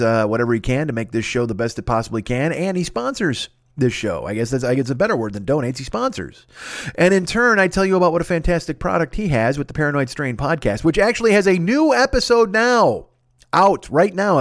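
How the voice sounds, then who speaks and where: A loud-mouthed, talkative man hosts a podcast, delivering a rambling comic monologue with sponsor plugs in a mid-range voice. He drifts into tangents, swears freely and makes fun of himself. The recording is dry, with no room sound.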